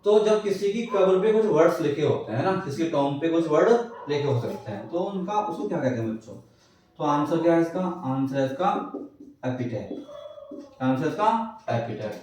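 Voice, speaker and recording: A man's voice: on the high side, expressive, fairly quick, a little mellow, slight background noise. A male English teacher lecturing a class, who keeps asking his students questions and answering them himself. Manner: repeats checks like "clear hai". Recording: echoey classroom, far from the mic.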